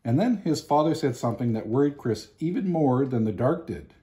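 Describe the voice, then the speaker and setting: A man, reading a children's picture book aloud expressively, with deliberate, emphatic pauses. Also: mid-range voice, lively intonation, dark tone. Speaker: storybook reader. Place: home living room, indoors.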